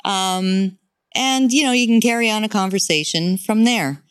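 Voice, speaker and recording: A woman's voice: medium pitch, moderate pace, clear, resonant tone, no room sound. Chatty woman, dry close sound. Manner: chatty, laughs often, many fillers. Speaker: guest, birch syrup producer. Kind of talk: casual interview talk.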